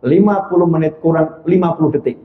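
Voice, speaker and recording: A man preaching to a congregation in a high, animated voice, jumping from loud exclamations to soft low asides. He acts out the voices of the people in his stories. The recording is echoey and dull. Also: fast talker. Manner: acts out quoted voices in dialogue. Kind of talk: sermon. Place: mosque or hall before a congregation. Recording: echoey room, dull lo-fi sound.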